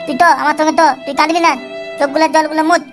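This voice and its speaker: A woman's voice: high voice, little pitch movement, music in the background, lightly acted. A woman voicing Futu, a mischievous, boastful boy in a cartoon, who talks in a cocky, scheming way. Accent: Bengali. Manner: cocky, scheming, quick-talking. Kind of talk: cartoon voice acting.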